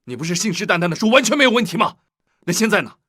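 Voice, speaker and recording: A man's voice: fairly low pitch, expressive, moderate pace, fairly bright tone. An actor playing a scheming, ambitious man who snaps in anger and then mutters in cold whispers. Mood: angry. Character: scheming ambitious male schemer, middle-aged.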